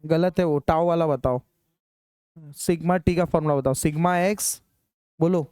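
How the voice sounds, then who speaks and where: A man teaching engineering in a classroom, dictating formulas slowly and urging students to hurry. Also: on the high side, steady tone, darkish tone, smooth, dry recording, clean studio sound. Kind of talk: classroom lecture solving problems.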